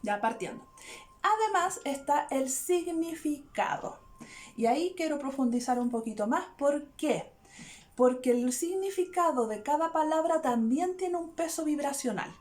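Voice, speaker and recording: A woman therapist who hosts videos explains an idea to her viewers in a high, unhurried voice. She talks casually and animatedly, searching for words and often checking in with "¿ya?".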